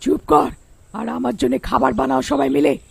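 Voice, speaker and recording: A woman doing a cackling gravelly witch. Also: high-pitched, fairly even intonation, moderate pace, darkish tone, dry recording, full character voice. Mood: commanding. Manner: cackling, bossy, menacing. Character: cruel cackling female witch, village predator. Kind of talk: cartoon voice acting.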